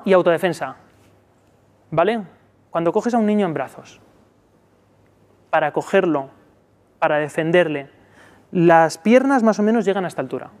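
A man with a Spanish accent giving a live workshop talk on child tantrums, checking in often with a quick "¿vale?". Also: big-room sound. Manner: peppers sentences with "¿vale?"; acts out soothing talk to a child in a high voice. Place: conference room.

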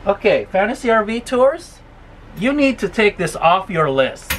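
A woman's voice: mid-range voice, very animated, a little slow, a little hiss or hum. Furious, swearing woman vlogger. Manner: furious, profane complaining. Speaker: travel vlogger. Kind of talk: angry vlog rant. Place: RV campsite.

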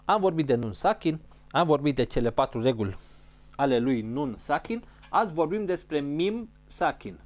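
A male teacher gives a patient recitation lesson in a fairly high voice whose pitch moves up and down a lot. He breaks each rule into small steps and repeats every key term. Now and then he stops to sound out letters as examples. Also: sing-song. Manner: explains step by step and repeats key terms; models Arabic sounds mid-sentence. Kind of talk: spoken lesson on recitation rules.

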